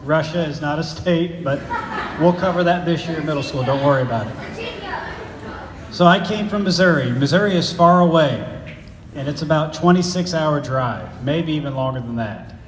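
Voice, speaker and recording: A man's voice: fairly high pitch, expressive, normal speed. A middle-aged man gives a chatty chapel talk to students, joking and quizzing the crowd. His voice carries through a large, echoey hall with a long reverb tail. A faint hiss sits under it. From grew up in Italy and Germany. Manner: chatty, jokey, asks the kids questions. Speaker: school head speaking at chapel. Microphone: handheld microphone.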